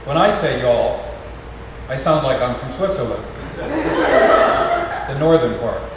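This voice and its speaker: This middle-aged American man has a medium-pitched voice that swings widely in pitch. As the parish artist in residence, he reads a poem at a farewell gathering in a gentle, wry, unhurried manner with pauses. The recording comes from a distance in a big reverberant parish hall and is noisy.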